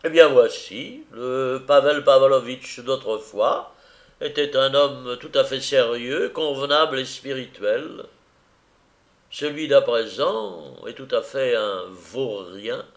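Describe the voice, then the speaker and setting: Guy reading as a cranky worked-up gentleman, snappy and impatient. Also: medium pitch, slow pace. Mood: scornful. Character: irritable, agitated middle-aged gentleman host.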